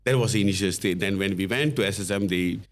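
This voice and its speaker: A middle-aged Malaysian man, a company founder appearing as a podcast guest, tells his story in Malaysian-accented English. His voice sits low, and his delivery is halting, full of fillers and restarts.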